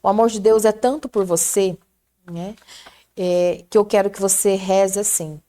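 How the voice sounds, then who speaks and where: Middle-aged Brazilian woman, lively storyteller sharing her faith, fervent and chatty. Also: medium pitch, a little slow. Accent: Brazilian Portuguese. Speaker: prayer group guest. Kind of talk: casual testimony chat.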